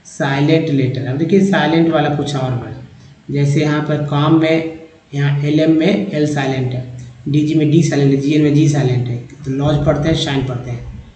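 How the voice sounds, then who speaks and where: A slightly high-voiced man teaches English spelling and sounds, drilling syllables over and over. His tone is mellow and dark, and the room around him sounds echoey. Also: steady tone, a little hiss or hum. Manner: slow, repetitive drilling of sounds. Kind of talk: explaining English spelling in Hindi.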